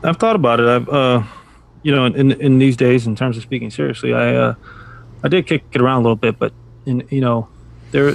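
A man's voice: mid-range voice, vocal fry. A man co-hosting a casual podcast, talking in a sarcastic, rambling way with frequent restarts. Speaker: podcast co-host.

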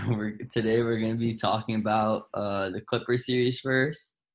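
A young man co-hosting a casual sports chat, relaxed and hesitant, with lots of fillers and slang. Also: fairly low pitch, normal speed. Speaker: co-host.

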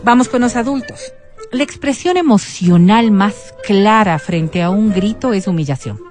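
A woman on a talk show explaining step by step in a measured way. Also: mid-range voice, expressive, darkish tone, faint music behind.

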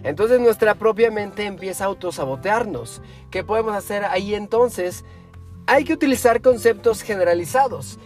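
A man's voice: sits high, expressive, moderate pace, faint music behind. A man giving a motivational self-help talk, asking rhetorical questions and laying out numbered steps. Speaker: motivational speaker.

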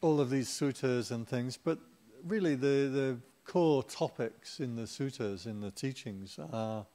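Relaxed, joking man giving a Dharma talk. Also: medium pitch, measured pace. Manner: chatty and humorous, with playful asides to the audience. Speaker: Buddhist Dharma teacher.

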